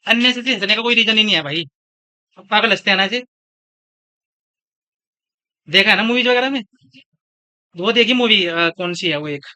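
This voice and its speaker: Young male teacher from India, high and very bright voice, chatty and scolding in a classroom lecture. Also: clear, resonant tone. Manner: scolding, chatty, switches between lecture and anecdotes.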